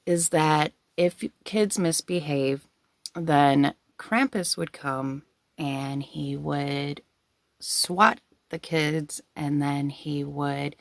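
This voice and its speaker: A woman's voice: deep voice, creaky, dry recording. A woman hosting a casual storytelling video, giggly and rambling as she talks to her viewers. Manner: giggly, breaking into laughter while talking.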